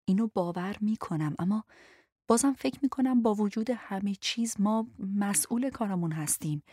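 A woman's voice: medium pitch, mellow, slightly rough, no room sound, natural voice. A frank, protective man pressing his point, as a woman narrator reads him in her own voice. His lines are plain and insistent, delivered in a dry, close audiobook sound. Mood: earnest. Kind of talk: audiobook dialogue reading.

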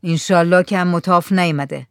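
A man's voice: sits high, steady tone, fairly bright tone, clean tone, no room sound, studio quality. A woman doing a cautious village headman.

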